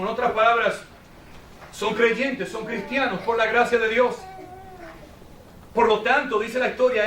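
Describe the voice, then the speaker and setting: A man's voice: high voice, echoey room. Male pastor mid-sermon, captured from a distance with faint background noise, questioning and earnest. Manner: preaching with rhetorical questions, ending quietly and intensely. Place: church sanctuary.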